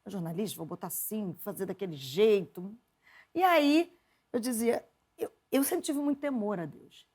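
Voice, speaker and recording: A Brazilian woman, a journalist and preacher, telling stories from her upbringing in an interview, lively and quick to laugh. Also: mid-range voice, husky. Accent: Brazilian Portuguese. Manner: lively, laughs often, quotes her mother in animated voices. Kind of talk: conversational interview storytelling.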